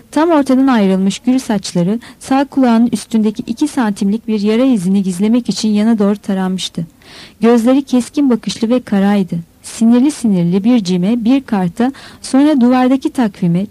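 Woman, audiobook narrator, steady reading, slightly high voice, dry sound. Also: no echo, low-quality recording. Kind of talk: scripted narration.

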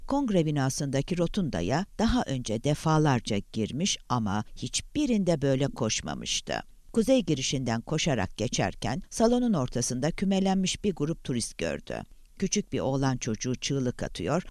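A man narrating a thriller audiobook in a dramatic, expressive reading style. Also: medium pitch, no room sound, studio quality.

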